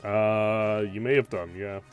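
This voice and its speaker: A man's voice: lowish voice, steady tone, slow pace, muffled recording. A man acting as game master, narrating a tabletop role-playing session in a casual way. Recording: faint music behind the voice.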